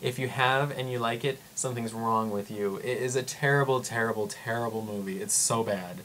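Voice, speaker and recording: A young man telling travel stories in a casual vlog, rambling and excitable, full of "like" and acted-out quotes. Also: medium pitch, a little fast, slight background noise. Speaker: vlogger.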